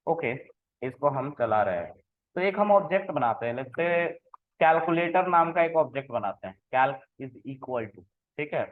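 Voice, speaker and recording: A man teaching programming in a relaxed way, explaining code step by step and often checking that the listener follows. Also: mid-range voice, moderate pace. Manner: conversational, keeps checking in with the listener. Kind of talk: explaining code while typing. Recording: tinny phone-like sound.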